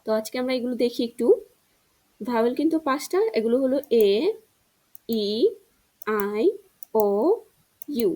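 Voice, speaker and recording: A woman teacher giving a children's reading lesson, spelling words out slowly and drawing them out. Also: a little high, darkish tone, low-quality recording. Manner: slow, drawn-out spelling drills.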